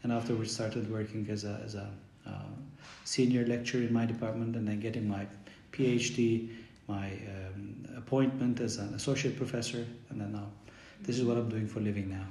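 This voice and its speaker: Hesitant middle-aged man, mellow voice. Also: on the low side, little pitch movement, brisk, echoey room, slight background noise. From Bulgaria. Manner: hesitant, many fillers and restarts. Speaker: university professor, guest. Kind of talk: podcast interview.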